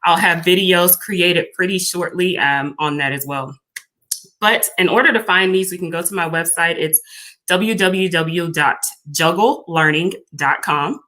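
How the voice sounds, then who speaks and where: A woman from Houston, a small business founder, talking as a guest in a casual interview, friendly and relaxed with plenty of ums. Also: lowish voice, unhurried. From Houston, Texas.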